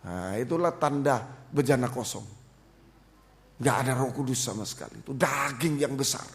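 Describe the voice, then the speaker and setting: A male pastor preaching a sermon, emphatic, swinging between loud urging and quiet asides. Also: mid-range voice, expressive, normal speed. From Indonesia.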